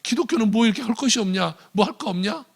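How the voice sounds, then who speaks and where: A man's voice: high-pitched, animated, fast talker, gravelly, husky, pitched above the performer's own voice, heavily acted. A pastor quoting an elderly stubborn mother. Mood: pleading. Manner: plain quoted speech inside a sermon.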